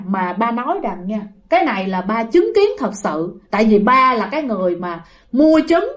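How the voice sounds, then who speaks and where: A woman with a Southern Vietnamese accent casually telling a ghost story, chatty and talking straight to her listeners. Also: a little high. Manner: chatty, addresses listeners directly, many fillers.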